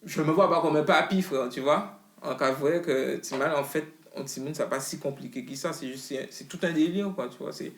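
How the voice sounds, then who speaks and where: A man's voice: a little high, normal speed, a little hiss or hum. A man, a rapper talking as an interview guest in a loose, slangy way full of restarts. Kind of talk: casual interview chat. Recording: roomy echo.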